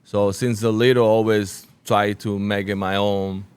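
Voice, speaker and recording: A man in his forties from Sicily, a restaurant owner being interviewed, speaking halting English with a Sicilian Italian accent and many restarts. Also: lowish voice, flat delivery, clean tone, no room sound. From Sicily, Italy. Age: 40s. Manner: halting non-native English with frequent restarts.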